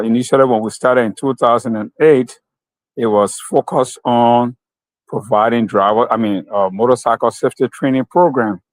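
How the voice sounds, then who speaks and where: A man from Liberia speaks with a Liberian English accent as an interview guest. His voice sits at a middle pitch, and the sound is dry and close with no room echo. He talks slowly and thinks aloud, pausing on "uh" and "um.". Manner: slow, measured, with many fillers. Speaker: guest, company founder. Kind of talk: interview answers.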